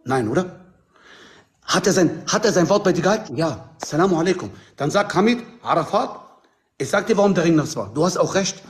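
A man's voice: high-pitched, expressive, brisk, slight background noise. A man arguing heatedly and insistently on a group video call, talking over the others. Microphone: video call on phone or computer.

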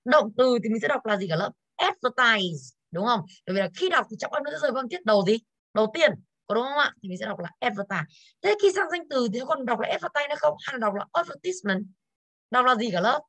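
A woman's voice: on the high side, lively intonation, fast, no room sound. A woman English teacher going over exercises in an online class, tired and coughing now and then, who keeps putting questions to her students.

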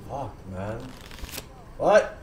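Streaming an online game from a small green-curtained room, this thirty-something man talks casually and dryly into a close desk microphone with a pop filter. His medium-pitched voice is very animated yet very slow. A little hiss or hum is audible.

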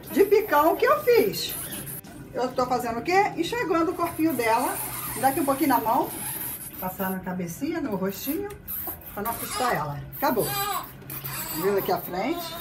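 Female instructor, casual demo, bright and sing-song, coos with diminutives, baby crying behind. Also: sits high, background noise. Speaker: instructor demonstrating baby care. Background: baby crying and music.

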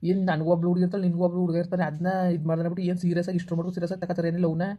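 A woman's voice: fairly low pitch, level tone, very fast, muffled recording, close to an everyday voice. A woman playing a careless young man who brushes off his girlfriend's calls with mocking irritation in a village comedy skit. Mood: dismissive.

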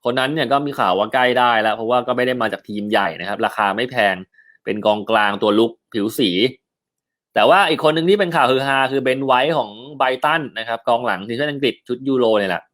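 A man's voice: medium pitch, a bit bright. A man hosting a casual football news chat, talking loosely with frequent filler sounds and answering viewer comments. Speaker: football news show host.

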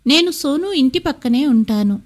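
A woman voicing a calm, helpful adult male neighbour in a storybook tale, explaining plainly. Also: high-pitched, moderate pace.

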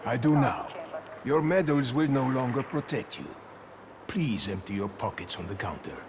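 A man's voice: medium pitch, moderate pace, a crowd in the background, close to an everyday voice. A man playing a cold, menacing Soviet colonel in a video game, with a commanding way of giving orders. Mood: cold, threatening. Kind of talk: video game drama acting. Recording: noisy game ambience behind.

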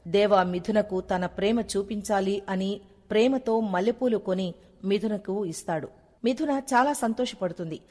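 A woman narrating a TV serial recap from a script, with steady, even storytelling. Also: mid-range voice, long reverb tail.

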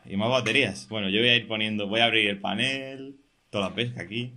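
A young man, hosting casual co-op gameplay chat, excitable and jokey, talking through every move. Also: lowish voice, fast talker. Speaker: gaming podcast host.

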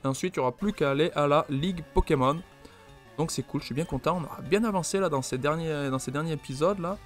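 A man's voice: a little high, fast talker, faint music behind. A man with a French accent hosting an unscripted let's play, thinking aloud with many fillers and restarts. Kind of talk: unscripted gameplay commentary.

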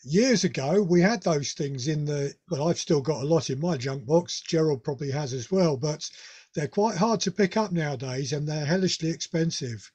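A man's voice: fairly high pitch, moderate pace, a little mellow, husky. A man with a Northern English accent hosting a radio club meeting, talking casually with many restarts and fillers. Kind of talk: casual club talk over video call.

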